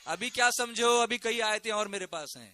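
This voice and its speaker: A man preaching with fervour in a high, piercing, very bright voice. He recites scripture in Arabic, then exhorts the listeners again and again to answer him aloud. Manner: exhorting, urges the crowd to respond; recites Quranic verses in Arabic. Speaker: religious preacher. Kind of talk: fervent sermon speech.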